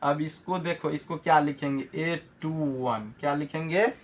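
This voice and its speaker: A man's voice: a little high, steady tone, a little slow. A man teaching a math lesson, repeating key terms and asking rhetorical check questions. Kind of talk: classroom lesson.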